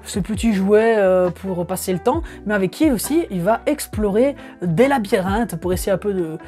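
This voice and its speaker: A man's voice: high-pitched, lively intonation, moderate pace, warm tone, soft background music. A young man in his twenties, an enthusiastic manga collector showing off his purchases in a casual video at home, often hesitating with fillers. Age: 20s.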